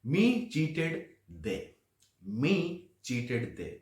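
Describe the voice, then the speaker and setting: A man's voice: a little high, very animated, very slow. A male English teacher giving an explanatory video lesson, breaking sentences down word by word and often calling his listeners friends. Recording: echoey room.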